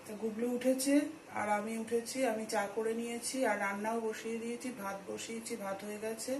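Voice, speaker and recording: A woman chatting to her viewers while cooking at home, speaking softly at times. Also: fairly high pitch, little pitch movement, a little fast, echoey room, slight background noise, low-quality recording. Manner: speaks softly so as not to wake the household. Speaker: vlogger. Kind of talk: casual home vlog narration. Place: home kitchen.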